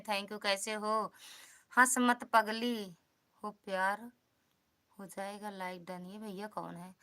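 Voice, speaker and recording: Fairly high, bright, and forceful, this woman's voice rings clear and resonant. She comes from Uttar Pradesh, India, has an Awadhi accent, and hosts a chatty, casual live stream where she greets commenters by name and urges viewers to support each other and return.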